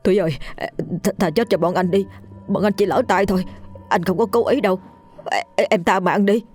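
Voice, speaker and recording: A woman voicing two terrified male murderers, pleading in shrill, stammering panic. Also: a little fast, a little mellow, soft background music, natural voice.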